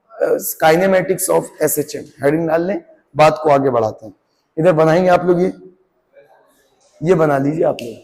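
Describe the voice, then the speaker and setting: A man with a high voice is teaching a physics lecture. He keeps asking the class questions to check that they follow along. His voice rings out with the long reverb of the room. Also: a little mellow.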